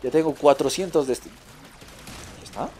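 A man hosting a let's play video, commentating excitably, repeating short phrases in bursts and chatting to his viewers. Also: on the high side, moderate pace, slight background noise. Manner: chatty, addresses viewers as a group. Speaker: gaming video host.

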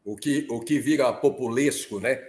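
A Brazilian man with a middle-pitched voice chats as a talk-show guest, easygoing and quick to agree or crack a joke. The studio around him sounds noticeably echoey. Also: darkish tone. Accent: Brazilian Portuguese. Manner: chatty, agreeable, jokes and laughs. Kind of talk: casual talk-show chat.

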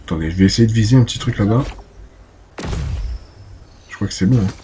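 A man's voice: lowish voice, fairly quick, mellow, a little hiss or hum. A man giving casual let's play commentary, chatty and talking to himself, exclaiming and cursing as he fights. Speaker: gameplay commentator.

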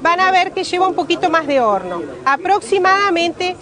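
Her voice very high-pitched and sing-song at a moderate pace, a woman in her forties from Uruguay demonstrates cooking live at an outdoor fair stand. She is a pastry cook with a Rioplatense Spanish accent, walking through each step and repeating key words. Crowd noise and music fill the outdoor background.

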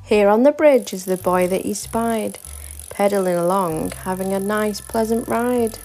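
A woman reading a rhyming picture book aloud with a steady, rhythmic delivery. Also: medium pitch, a little slow. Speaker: storybook reader. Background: soft music.

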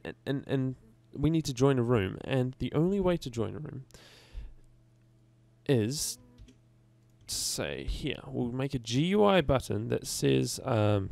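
A man's voice: medium pitch, lively intonation, unhurried, gravelly, darkish tone, dry recording. A man hosting a casual game-coding tutorial, chatty and rambling, who often stops to correct himself. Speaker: game development tutorial host.

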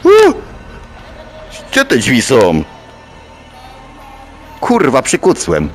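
Guy playing a scary game, slow talker, voice jumps way up when he freaks out, cusses a ton, bit of music under it. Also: deep voice, very animated. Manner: jumpy, swears a lot, shrieks when scared, mutters to himself. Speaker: gaming YouTuber. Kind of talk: horror game let's play commentary.

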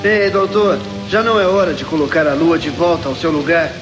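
A man's voice: fairly high pitch, steady tone, fairly quick, over music, lightly acted. A man playing a cocky, impatient robot henchman in a Brazilian cartoon dub, sardonic in manner. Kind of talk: dubbed cartoon acting.

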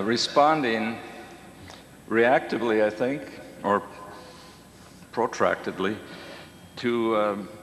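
A man's voice: fairly low pitch, fairly bright tone. A man moderating a conference Q&A, reading audience questions hesitantly with many fillers. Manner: hesitant, frequent um and uh. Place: lecture hall. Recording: echoey hall with faint noise.

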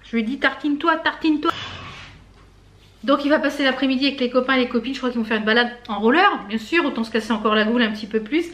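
A woman talks casually to her viewers in a slightly high voice. Her voice is hoarse and she runs short of breath. She rambles along, full of little hesitations. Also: rapid-fire, few pauses, fairly bright tone. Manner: chatty, full of fillers and hesitations. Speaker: beauty vlogger. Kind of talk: casual vlog chat to camera.

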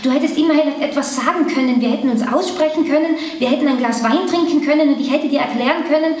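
A woman's voice: fairly high pitch, lively intonation, normal speed, natural voice. A woman reading aloud a bewildered young man who stammers and hesitates, in an echoey hall from a distance. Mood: agitated. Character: bewildered young man, gentle then upset. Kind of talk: literary reading.

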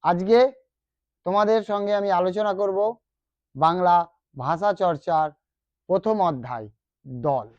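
A teacher with a West Bengal accent walks students through a grammar lesson at a very unhurried pace. Key terms come back again and again, with questions put to the class. The voice sits mid-pitched in a dry, close recording. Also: no echo, lo-fi sound. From West Bengal, India.

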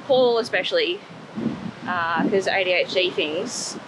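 A woman's voice: fairly low pitch, unhurried. A woman in her thirties with an Australian accent, chatting wryly to camera on a beach for a travel vlog. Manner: wry, chatty, talks while climbing. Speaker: travel vlogger. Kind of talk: casual chat. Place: outdoors on a tropical beach. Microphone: camera held close. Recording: wind and outdoor noise.

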